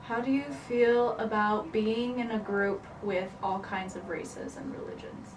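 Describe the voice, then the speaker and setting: A young woman student narrates and casually interviews her family at home, chatty, teasing, and quick to laugh, in a steady, medium-pitched voice. The sound is roomy, picked up by a distant camera mic with faint hiss.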